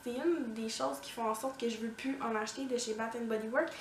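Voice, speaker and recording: A woman's voice: on the high side, fairly even intonation, brisk, slight background noise. A woman with a Québécois accent reviewing finished products in a casual vlog, chatty and full of "euh" fillers. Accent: Québécois French. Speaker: beauty vlogger. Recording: echoey room.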